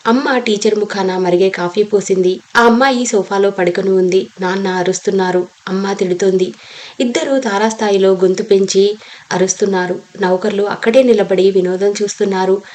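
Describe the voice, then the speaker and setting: A woman's voice: medium pitch, steady tone, moderate pace, darkish tone. A woman reading a novel aloud as an audiobook narrator, telling the story steadily and reading every character's lines in her own voice.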